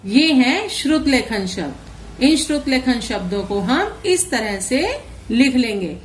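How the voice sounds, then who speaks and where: A woman school teacher giving a recorded lesson to young children, sounding out words syllable by syllable with slow, careful speech. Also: fairly high pitch, lively intonation, slight background noise. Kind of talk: online class lesson, reading aloud slowly.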